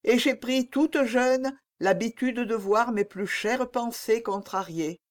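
A woman reading a sad, gentle young princess. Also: on the high side, lively intonation, unhurried, voice pushed up. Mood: melancholy. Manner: soft, sad firmness. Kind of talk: audiobook reading.

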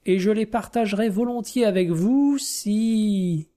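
A man reading aloud, voicing a reserved Russian gentleman traveller who speaks in a measured, earnest and courteous way. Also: sits high, voice pushed up.

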